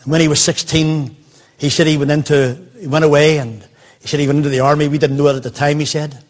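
With a level tone and a quick pace, an older man whose voice runs on the high side preaches a sermon. He shares a personal anecdote and quotes the exchanges between the people in it.

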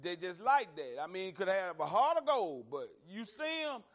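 A man's voice: sits high, big pitch swings, normal speed, a bit bright. A man from Alabama, preaching and teaching in a folksy, emphatic, conversational way, repeating phrases for weight. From Alabama, American South. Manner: folksy, emphatic, repeats phrases, often addresses listeners as y'all. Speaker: preacher leading a Bible study. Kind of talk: conversational sermon and Bible teaching.

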